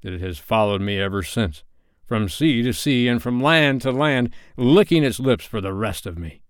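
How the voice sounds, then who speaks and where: A man voicing a brooding, vengeful, petulant pirate captain for a storybook, with slow, dark, menacing delivery. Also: medium pitch, animated, smooth, no echo, studio quality, close to an everyday voice. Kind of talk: storybook character voice.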